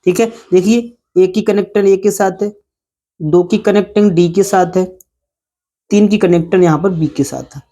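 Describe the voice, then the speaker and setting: A woman maths teacher with a lowish, dark voice explains a lesson to her students at a moderate pace and with fairly even intonation. She repeats herself a lot, stretches out key words for emphasis, and keeps checking in with short tags like "ठीक है" and "है ना".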